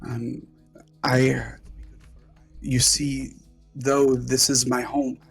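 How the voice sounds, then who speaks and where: A man voicing a formal, courteous female scientist who is trapped in her laboratory and speaks in halting phrases. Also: mid-range voice, little pitch movement, gravelly, breathy edge, soft background music, exaggerated voice, poor audio. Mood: earnest.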